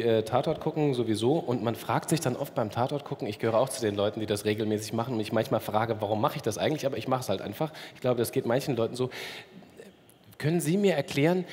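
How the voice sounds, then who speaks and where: A man's voice: medium pitch, a little mellow, slight background noise. A man in his thirties moderating a panel, asking probing, wry questions on a convention stage. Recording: long hall reverb.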